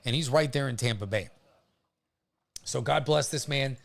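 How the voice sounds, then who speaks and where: A man hosting a livestream, giving casual storm commentary in an informal, halting way, often pausing to hesitate. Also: medium pitch, creaky. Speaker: livestream host covering a hurricane.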